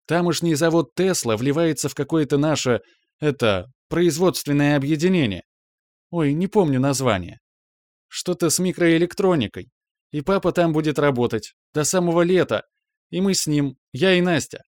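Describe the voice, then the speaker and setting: A bubbly, gushing mother from an audiobook, her voice pitched well up and bright with excitement, as a male narrator puts her on. She chatters breathlessly and a touch louder than the narration around her. The recording is dry and close. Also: moderate pace, dry recording, close to an everyday voice. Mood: jubilant. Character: excited, cheerful middle-aged mother.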